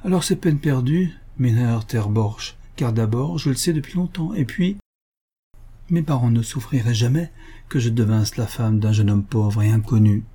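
A man reading aloud voices a playful young girl in love, in a teasing, lively way. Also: medium pitch, moderate pace, husky, natural voice.

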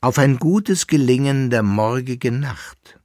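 A man's voice: mid-range voice, measured pace, a little mellow, no room sound, studio quality, voice pushed up, close to an everyday voice. A man reading aloud, voicing a young army officer who is earnest and easily flustered.

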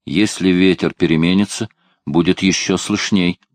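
A man reading a steady, terse male prisoner who answers calmly. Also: deep voice, normal speed, dry recording, close to an everyday voice. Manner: calm, terse.

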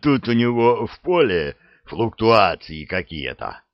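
A man voicing a gruff, wise old male dragon in an audiobook, in a dull dry recording. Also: on the low side, big pitch swings, slow pace, no room sound. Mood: worried.

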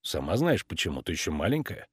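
A worn-out grown actor answers grudgingly, his tone skeptical and dry, as a man acts him out. The reading is close and free of room sound, with a lively pitch. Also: quick pace, slightly rough, no echo, heavily acted.

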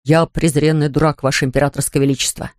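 A man's voice: fairly high pitch, flat delivery, quick pace, no echo, clean studio sound, pitched below the performer's own voice, close to an everyday voice. A man voicing an amorous, indulgent young lover. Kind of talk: audiobook character reading.

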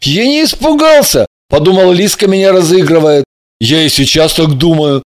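A woman's voice: low-pitched, expressive, normal speed. A woman voicing a brash, sardonic young man in an audiobook, blunt and mocking. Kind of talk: audiobook character voice.

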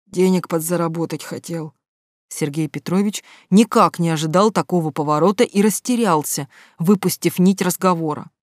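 A reader narrating a novel in a measured storytelling manner. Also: medium pitch, no echo, clean studio sound. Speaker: audiobook reader. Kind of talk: scripted narration.

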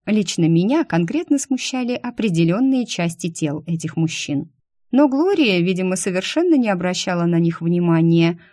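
A woman's voice: fairly low pitch, lively intonation, moderate pace, dark tone, no echo, studio quality. A woman narrating a first-person audiobook in a wry, ironic storytelling manner.

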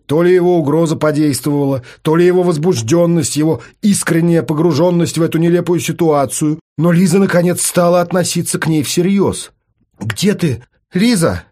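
A man narrating an audiobook in an expressive storytelling manner. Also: on the high side, a little fast, hardly any pauses. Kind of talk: scripted narration.

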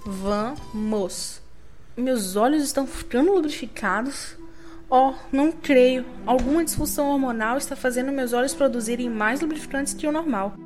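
Young woman, slightly high-pitched, theatrical self-mocking literary reader over faint music. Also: moderate pace. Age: young adult. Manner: theatrical, wry, self-mocking, shifting pace. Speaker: reader of her own literary monologue. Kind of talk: dramatic literary reading.

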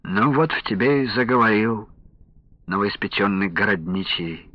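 A man voicing a gentle, anxious intellectual man who pleads softly, in a dull lo-fi recording. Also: fairly low pitch, lively intonation, moderate pace, no room sound, close to an everyday voice. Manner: pleading, soft, worried. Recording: dull lo-fi audio.

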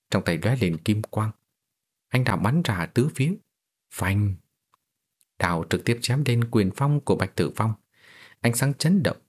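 Male audiobook narrator, steady storytelling, low and husky. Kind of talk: scripted fantasy story narration.

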